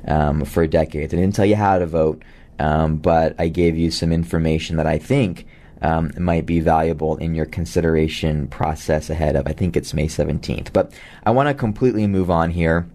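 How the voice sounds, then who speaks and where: A man hosting a local radio talk show, chatting casually with a gravelly voice and plenty of fillers. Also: extremely low pitch, moderate pace. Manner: relaxed, many fillers, reads out numbers.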